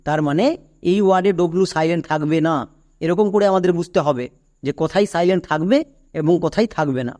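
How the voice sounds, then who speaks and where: A man's voice: high-pitched, darkish tone. A man teaching English pronunciation, spelling words letter by letter and asking and answering his own questions. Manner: spells words letter by letter, then says them slowly. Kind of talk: step-by-step spelling lesson.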